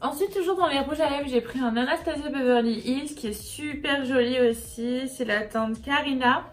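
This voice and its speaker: A woman's voice: high voice, moderate pace, faint music behind. A woman beauty vlogger chatting casually and upbeat through a makeup haul, with many fillers.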